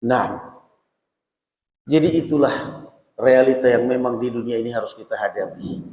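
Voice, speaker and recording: A man with an Indonesian accent giving a lively sermon at a mosque study session, acting out parents and children in quick asides. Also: medium pitch. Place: mosque hall. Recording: echoey mosque hall with long reverb.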